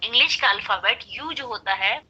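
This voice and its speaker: A woman's voice: a little high, moderate pace, bright, forceful tone, breathy edge, lo-fi sound. A woman teaching Quran recitation, patiently spelling out syllables and repeating them.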